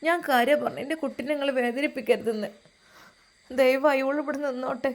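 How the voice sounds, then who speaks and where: A woman's voice: high-pitched, brisk, natural voice. Woman doing a pleading, protective mother. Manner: pleading, soothing. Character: tearful, protective middle-aged mother.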